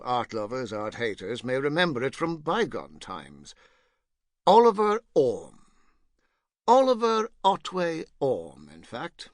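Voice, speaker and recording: A man with a medium-pitched voice narrates a literary audiobook in full character voice as a rueful, pompous ex-painter nearing fifty, fussy and digressive, self-mocking and musing in mood. The recording is dry with clean studio sound.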